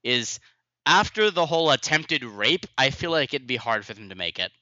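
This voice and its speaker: A man's voice: mid-range voice, big pitch swings, moderate pace, sharp tone, dry recording, lo-fi sound. A man co-hosting a casual podcast, thoughtful and hesitant, often restarting sentences. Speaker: podcast co-host.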